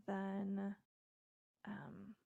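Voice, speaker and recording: Woman yoga instructor, unhurried and calm, gravelly edge, dry close sound. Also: mid-range voice, no room sound, muffled recording. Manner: calm, slow, gentle guidance with casual fillers.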